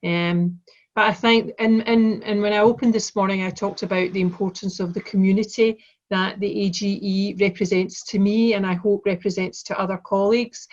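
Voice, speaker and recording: A woman from Glasgow, Scotland, with a broad Glaswegian accent, gives a conference chair's opening welcome formally and courteously. Her medium-pitched voice holds a steady tone at a moderate pace, coming through a video call microphone over a dull connection.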